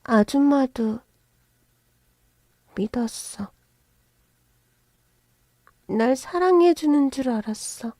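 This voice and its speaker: Woman as a heartbroken young wife, soft, slow, near whisper. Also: sits high, animated, no room sound, voice pushed up, exaggerated voice.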